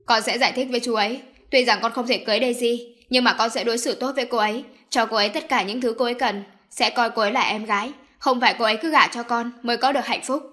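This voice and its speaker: Woman reads a stern young man, loud and demanding, storybook audio. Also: fairly high pitch, fairly even intonation, fast, hardly any pauses. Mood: earnest. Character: angry young adult son confronting his mother.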